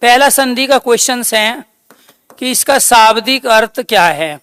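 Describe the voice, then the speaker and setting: A woman teaches a grammar class at a slow, dictating pace, stopping to ask her students questions and then answering them herself. Her voice is bright and clear. The recording is dry and close. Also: a little high, animated, no room sound. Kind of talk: online class lecture.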